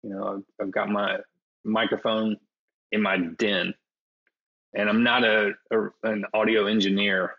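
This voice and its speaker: Husky, gravelly low-voiced man. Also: level tone, unhurried, dull audio. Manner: hesitant, self-deprecating, many fillers. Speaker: podcast guest, musician. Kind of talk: casual interview conversation.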